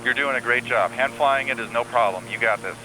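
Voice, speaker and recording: A man working as an air traffic controller on the radio, calmly giving reassuring step-by-step instructions. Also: medium pitch, brisk. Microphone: radio transmission. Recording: air traffic radio with faint hum and noise.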